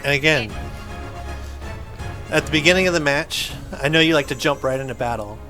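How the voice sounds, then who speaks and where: This family gaming video host speaks briskly in a slightly high voice. He chats casually over the gameplay, patiently explaining things with a playful, conversational manner while video game music runs underneath.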